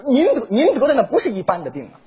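A man's voice: extremely high pitch, huge pitch swings, fast, darkish tone, slightly rough. A man, performing comic crosstalk as the joke-teller, teasing his partner in a mock-concerned tone. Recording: dull lo-fi recording.

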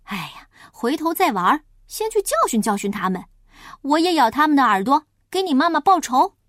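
A carefree young snake, as a woman reading a storybook puts him on, chatty and a bit sheepish. The voice sits fairly high and swings about freely. It is recorded dry and close. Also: big pitch swings, fairly quick, fairly bright tone, no echo. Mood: cheerful. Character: cheerful, easygoing young snake.

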